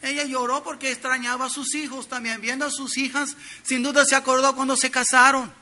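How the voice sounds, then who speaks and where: A middle-aged man preaching an expository sermon, teaching earnestly and swinging between loud emphasis and soft, quiet drops. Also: very high-pitched, little pitch movement, brisk.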